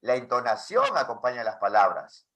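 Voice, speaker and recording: Man, teacher trainer, animated pitch, quizzing his class, online lesson. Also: moderate pace. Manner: lively, asks many questions.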